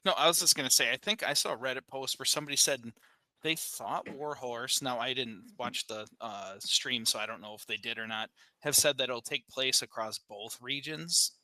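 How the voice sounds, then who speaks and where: Bright-voiced man thinking out loud, relaxed podcast chat, dry sound. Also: medium pitch, normal speed, dry recording, low-quality recording. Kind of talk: casual chat.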